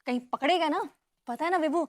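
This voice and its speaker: An actress playing a feisty housewife in a TV sitcom, talking rapidly with shrill exclamations. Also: female voice, a little hiss or hum, lightly acted. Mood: fretting. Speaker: sitcom character.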